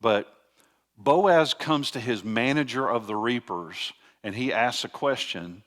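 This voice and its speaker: A man's voice: medium pitch, a little slow, fairly bright tone. An older man, a pastor giving a conversational teaching sermon with frequent restarts.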